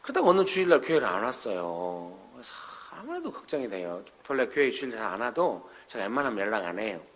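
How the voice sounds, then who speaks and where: A male pastor delivering a sermon as a conversational story. He slips into short bits of acted dialogue and turns to address the older members of the congregation. His voice sits at an ordinary middle pitch for a man. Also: big pitch swings, fast, fairly bright tone. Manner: addresses the elderly congregation directly. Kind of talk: sermon at a parents' seminar.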